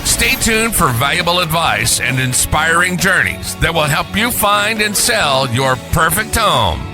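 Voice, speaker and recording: A man's voice: a little high, sing-song, measured pace. A man reading a polished, scripted promotional intro for a show. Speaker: show announcer. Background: music.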